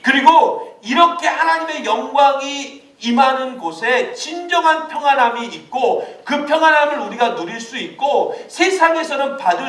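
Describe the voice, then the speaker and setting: A man preaching a sermon to a youth ministry, lively and laughing often as he acts out quotes. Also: extremely high pitch. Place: church hall. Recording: echoey room, mic at a distance.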